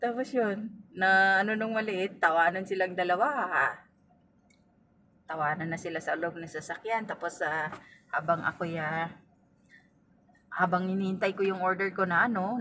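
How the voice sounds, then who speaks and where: A woman's voice: on the low side, moderate pace, long pauses, pushed and bright. A middle-aged woman telling stories in a casual vlog from inside a car. She chats to her viewers as "guys" and acts out the dialogue. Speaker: vlogger and family driver. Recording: distant mic with faint ambient noise.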